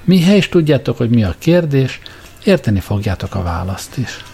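A man reading the part of a vast male supercomputer that speaks with slow, grand dignity. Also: mid-range voice, very animated, vocal fry, a little mellow. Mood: solemn.

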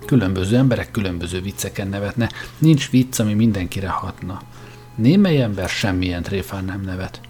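A man voicing a shrewd male grandmaster who questions and lectures in a sharp, cutting way. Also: low-pitched, lively intonation, faint music behind. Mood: probing.

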